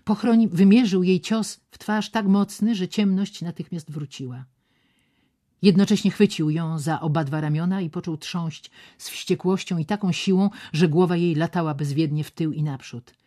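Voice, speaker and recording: A woman narrating a literary novel aloud in a dramatic, expressive way. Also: fairly low pitch, normal speed. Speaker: audiobook narrator.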